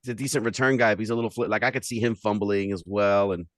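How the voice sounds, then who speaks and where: A man with a New York accent chats about football on a podcast, his voice sitting a little low and the words tumbling out fast. He gets animated, laughs easily and repeats himself as he thinks aloud. The sound is dry and close. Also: no room sound. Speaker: podcast co-host. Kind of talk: casual sports chat.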